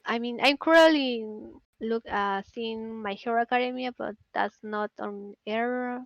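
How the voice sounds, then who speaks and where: Chilean woman guest, higher smooth voice, dry close sound, hesitant, soft-spoken. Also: unhurried, no room sound, lo-fi sound. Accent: Chilean Spanish. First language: Spanish. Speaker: guest artist. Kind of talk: casual interview.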